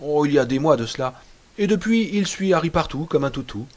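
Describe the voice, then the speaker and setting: A man's voice: fairly high pitch, lively intonation, a little fast. A man voicing a flirtatious, gossipy woman who chats in a teasing, confiding way. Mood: gossiping.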